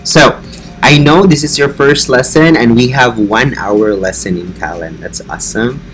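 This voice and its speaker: With soft music in the background, a Filipino-accented man from the Philippines speaks at normal speed in a mid-range, slightly bright voice. He's an online English teacher vlogging casually, earnest and encouraging about his lessons.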